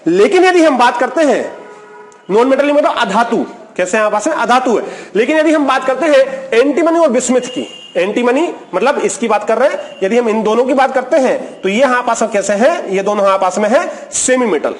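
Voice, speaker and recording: A man with a high voice teaches a recorded chemistry lecture. He poses questions to the class and answers them himself. He repeats key terms over and over as he explains. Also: animated, a little fast.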